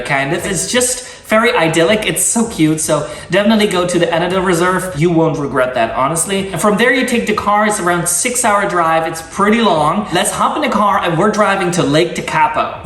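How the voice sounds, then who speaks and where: A young travel vlogger with a Dutch accent speaks in a high, slightly bright voice, eager and chatty as he gives casual travel-guide talk. He gushes enthusiastically, full of fillers and restarts, and the roomy sound suggests a mic a few feet away.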